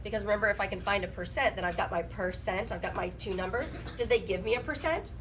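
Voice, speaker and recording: A woman's voice: mid-range voice, fast, background noise. A woman teaching a math class while sick. She asks her students questions and jokes with them. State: sick, rough voice. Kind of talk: classroom lesson.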